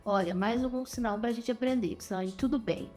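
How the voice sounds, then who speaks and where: A woman's voice: a little high, brisk, mellow, soft background music. A woman teaching a sign language lesson step by step, patiently repeating words as she demonstrates.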